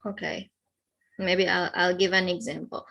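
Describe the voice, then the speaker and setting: This woman speaks in a lowish, fairly bright voice with vocal fry and little pitch movement. She's giving an online lesson at a slow, patient pace, repeating key words and checking in with "okay?" after each point.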